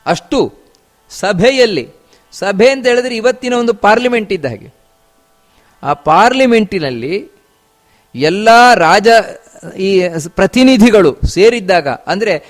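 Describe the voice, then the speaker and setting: High-voiced man explaining scripture. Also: expressive, slow, pauses often. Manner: repeats key phrases, asks rhetorical questions. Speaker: religious teacher. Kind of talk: scripture discourse with chanted verses.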